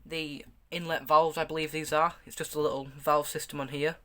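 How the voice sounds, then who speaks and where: A man's voice: on the high side, level tone, fairly quick, pushed and bright. A man giving a casual, hands-on product review, speaking in a stop-start, hesitant way with repeated words. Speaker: gas mask reviewer. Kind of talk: casual product review, showing items to camera.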